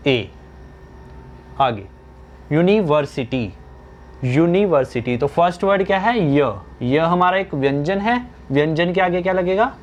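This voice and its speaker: A young man with a fairly high voice teaches a grammar lesson at a very slow, deliberate pace. He asks a question and then answers it himself, the way a teacher walks a class through a point. A faint hiss sits under the recording. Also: animated, lo-fi sound.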